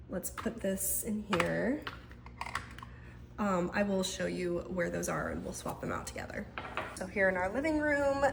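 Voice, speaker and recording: In a noisy indoor setting at home, a young woman with a mid-range, stuffed-up voice gives a casual vlog narration. A lifestyle vlogger with a cold, she tries household scents and thinks out loud as she chats.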